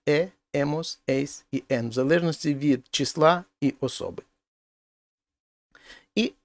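A man's voice: medium pitch, gravelly, a little mellow, dry recording. A man teaching a language lesson, explaining grammar step by step and translating each example sentence. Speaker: Spanish teacher.

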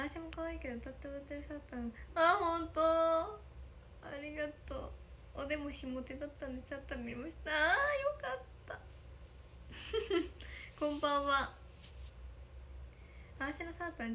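A young adult idol livestreamer with a high, sharp voice reads viewer comments in a casual stream, thanking people often and giggling. She's recorded on a phone camera, with slight background noise.

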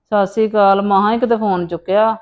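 A woman's voice: medium pitch, fairly even intonation, fast, highs cut off, lightly acted. A woman playing a fretful, grumbling and demanding mother-in-law in a family drama. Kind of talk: dramatic monologue and phone dialogue in a family serial.

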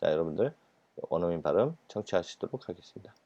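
A man's voice: deep voice, lively intonation, fast, dark tone, no room sound, lo-fi sound. A man teaching Japanese in a recorded lecture, explaining patiently with many fillers and repeated words. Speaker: Japanese language instructor.

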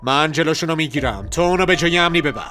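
A man's voice: a little high, animated, bright, forceful tone, soft background music. A man doing a blunt, dry cowboy hero.

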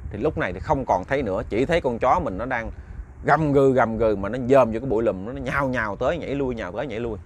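A man's voice: medium pitch, fast talker, a little hiss or hum. A man with a Southern Vietnamese accent telling a ghost story, chatty and talking straight to his listeners. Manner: chatty, addresses listeners directly.

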